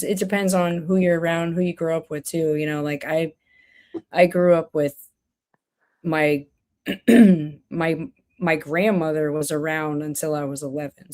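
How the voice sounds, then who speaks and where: A woman's voice: low voice, a little mellow. A woman hosting a live stream, chatting casually and rambling with lots of restarts and fillers. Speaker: stream host.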